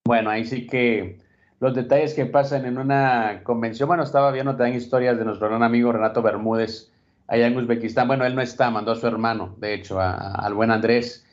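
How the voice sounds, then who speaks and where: A man's voice: mid-range voice, a little fast. Man musing on boxing. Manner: reflective, steady, frequent "¿no?" tags. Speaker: boxing talk show co-host. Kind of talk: casual sports chat. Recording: dull lo-fi recording.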